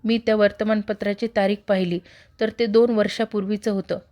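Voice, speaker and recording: A woman reading a horror story aloud in a steady, measured narrating voice. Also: medium pitch. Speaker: story reader.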